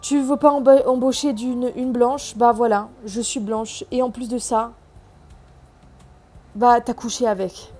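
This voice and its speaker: A woman's voice: on the high side, steady tone, a little slow, darkish tone. A woman quoting a defiant young woman character from a film, in a blunt, barely acted voice. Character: young woman confronting her ex-lover.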